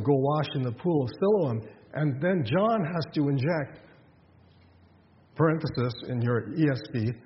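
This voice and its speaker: A man's voice: fairly high pitch, muffled recording, slight background noise. Man preaching in an echoey hall. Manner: conversational preaching, many restarts and "um"s, rhetorical questions. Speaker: pastor. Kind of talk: sermon.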